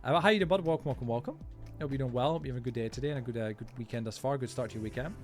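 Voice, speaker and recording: Guy streamer yapping nonstop to chat, quick and rambly, super casual slangy talk, music in there. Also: medium pitch. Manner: informal, slangy, often addressing viewers as bro, man, dude. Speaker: livestreamer and video creator chatting with viewers. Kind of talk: casual gaming livestream chat.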